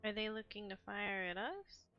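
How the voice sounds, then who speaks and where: A woman's voice: mid-range voice, expressive, normal speed, muffled recording, faint music behind. A woman playing a tabletop game, casually asking questions in an unsure, searching way. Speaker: player.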